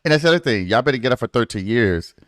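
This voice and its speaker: A man's voice: medium pitch, expressive, racing, no room sound, studio quality. A man hosting a casual true-crime podcast, blunt and opinionated, acting out quotes in his speech. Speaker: podcast host.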